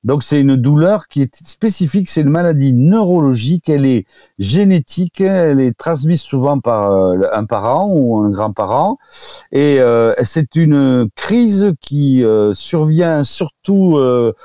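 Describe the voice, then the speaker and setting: A man's voice: mid-range voice, lively intonation, a little slow, dark tone, no echo, clean studio sound. A man, a guest doctor, chatting casually on a radio show and hesitating with many fillers and restarts.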